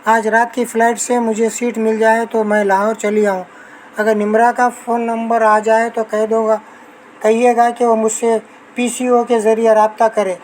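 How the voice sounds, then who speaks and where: A woman reading an audiobook novel, voicing a talkative, excitable middle-aged wife and mother who chatters without pause. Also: a little high, slight background noise, natural voice, poor audio. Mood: impatient. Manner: gushing nonstop chatter.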